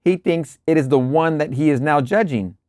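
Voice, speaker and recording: A man hosting a show, reading spiritual lecture passages aloud in a measured, deliberate way and breaking off for relaxed asides and quiet chuckles. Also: on the high side, no echo, clean studio sound. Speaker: host reading and explaining lectures. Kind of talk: reading aloud with casual commentary.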